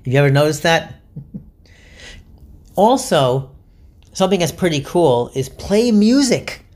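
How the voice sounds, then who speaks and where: A man hosting a solo podcast, giving candid, chatty advice in an animated, self-deprecating way. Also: on the high side, takes it slowly. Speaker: podcast host.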